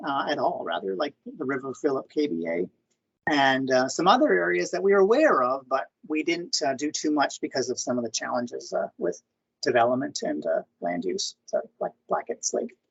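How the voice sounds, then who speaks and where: Husky, gravelly man presenting on a video call. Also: fairly high pitch, expressive, normal speed. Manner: hesitant, many fillers and restarts. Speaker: government conservation presenter. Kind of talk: online information session presentation. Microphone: computer mic on video call. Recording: muffled lo-fi video call audio.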